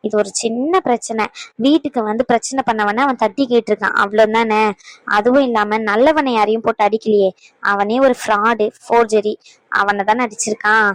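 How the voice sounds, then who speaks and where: A woman's voice: fairly high pitch, steady tone, normal speed, no room sound, close to an everyday voice, low-quality recording. A woman voicing a firm peacemaking older sister. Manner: firm, soothing, scolding. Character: calm older sister figure who mediates. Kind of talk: cartoon voice acting.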